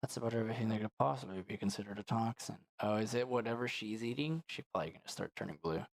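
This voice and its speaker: A man's voice: on the low side, fast, creaky. A man streaming gameplay and commenting on it, joking and swearing and mocking himself. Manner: joking, crude, self-mocking.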